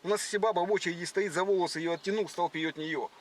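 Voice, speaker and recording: Man acting cocky rustic young guy, lisp, stingy and boastful, very fast slangy banter, distant noisy car recording. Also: high-pitched, fairly even intonation, crowd noise, lightly acted. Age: young adult. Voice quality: lisping. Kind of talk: in-character prank date conversation. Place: inside a car.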